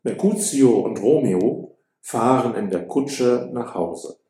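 Slow, mellow male storyteller. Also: mid-range voice, animated, roomy sound. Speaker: narrator. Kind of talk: audiobook storytelling.

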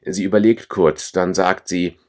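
A man narrating a scripted storybook for learners, calm, clear and plain. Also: deep voice, measured pace.

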